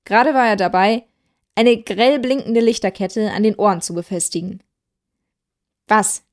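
A woman reading a children's Christmas story aloud in an even, clearly paced storytelling voice. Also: medium pitch, moderate pace. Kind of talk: scripted story narration.

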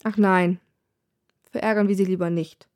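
A woman's voice: medium pitch, steady tone, moderate pace, darkish tone, lightly acted. Weary old grim reaper, read by a woman: sighing, grumbling, put-upon storybook Death. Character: tired, grumpy male Death, weary old worker.

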